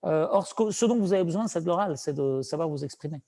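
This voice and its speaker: A man with a strong Saint-Étienne French accent, a business broker giving earnest advice in a relaxed conversation. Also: fairly high pitch, quick pace. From France. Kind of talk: casual conversation.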